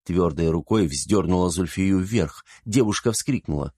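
A man narrating an audiobook in an even, measured reading. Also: low voice, husky, dry recording, clean studio sound. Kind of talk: scripted narration.

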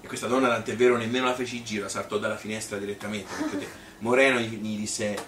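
A man with a lowish voice, lightly acted, plays a rambling Tuscan father born in 1951 in a spoken theatre monologue of folksy childhood memories. His Tuscan Italian delivery is nostalgic, halting and colloquial, animated yet stuttering over words. The roomy theatre is echoey, caught on a distant mic with faint noise.

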